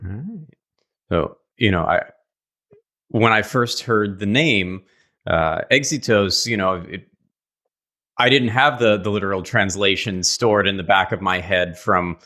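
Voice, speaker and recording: Bright New York podcast host. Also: male voice, on the low side, a little slow. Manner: chatty, joking asides. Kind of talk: casual podcast interviewing.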